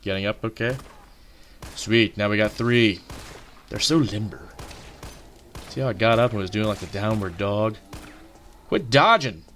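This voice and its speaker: A man's voice: fairly low pitch, fairly even intonation, normal speed, long pauses, slight background noise. A man hosting a let's play, joking sarcastically and swearing at the game as he plays. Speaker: gaming channel host.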